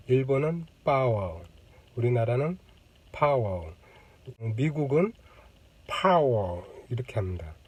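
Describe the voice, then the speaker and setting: A man hosting his own channel, explaining a topic casually to the camera with many pauses and fillers, demonstrating sounds as he goes. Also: mid-range voice, warm tone. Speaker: channel host. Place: indoors on a lunch break. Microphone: camera mic.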